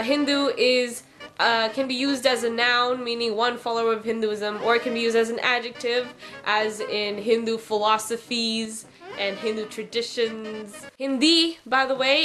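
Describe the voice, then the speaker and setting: A young adult woman with a highish voice vlogs casually, answering viewer questions in a rambling, chatty way full of ums and likes. The recording is rough, with old jazz music playing underneath.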